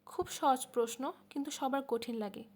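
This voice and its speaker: A woman's voice: sits high, moderate pace, a little mellow. A woman voicing a brooding young man who asks blunt, probing questions.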